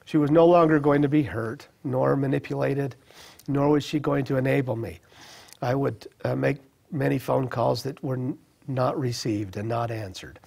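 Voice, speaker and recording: A middle-aged man telling a personal testimony in an earnest, reflective way, with halting restarts. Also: mid-range voice, gravelly, a little mellow. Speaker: speaker sharing a personal testimony. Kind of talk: personal storytelling.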